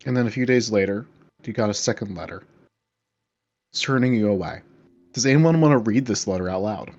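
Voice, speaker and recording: A man's voice: fairly low pitch, brisk, a little mellow, muffled recording. A man narrating as game master of a tabletop horror game, loose and rambling. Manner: loose, rambling, lots of fillers and restarts.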